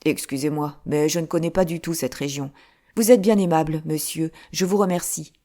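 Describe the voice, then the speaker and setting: A woman's voice: low voice, fairly even intonation, normal speed, mellow. A woman reading an audiobook, voicing a polite, hesitant stranger with a French accent.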